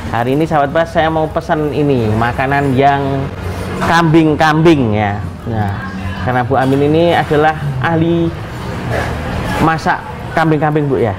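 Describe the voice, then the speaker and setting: A fairly high-voiced man, presenting a food vlog in a lively, chatty way. He sounds constantly upbeat, and steady street and shop noise runs under his voice. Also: normal speed. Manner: lively, religious greetings, chatty with vendors. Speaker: culinary show host. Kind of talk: presenting to camera. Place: street outside a mosque, then small food court indoors. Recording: noisy street and shop background.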